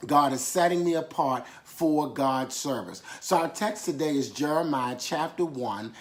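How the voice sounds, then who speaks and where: Preaching at a measured pace in a voice that's a little high, this man drives his points home by repeating key phrases. He leads his listeners in call-and-response, asking them to affirm his words after him.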